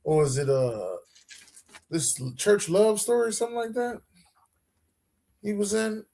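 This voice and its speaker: Man co-host, slightly high voice, laid-back and slangy, animated talker. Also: a little slow. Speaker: podcast co-host. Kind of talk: casual chat.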